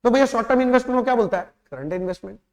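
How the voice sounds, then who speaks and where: A man with an Indian accent giving a classroom accounting lecture, quizzing his students often and drawing out key terms slowly. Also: very high voice, lively intonation, in a large hall. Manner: talks straight to students, quizzing them with quick questions; lapses into slow, drawn-out words when stressing terms. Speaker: accounting teacher.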